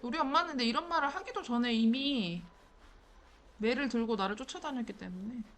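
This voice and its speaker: A woman's voice: a little high, a little fast, a bit bright, a little hiss or hum. A woman giving casual, chatty gameplay commentary and muttering to herself as she plays. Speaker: gameplay streamer.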